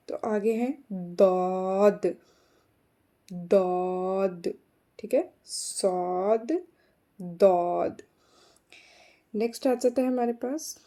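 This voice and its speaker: Woman teacher, slow patient phonics lesson, low mellow voice, slight fry. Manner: patient, repeats letter names slowly; mixes English words into explanation. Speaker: Arabic letters teacher.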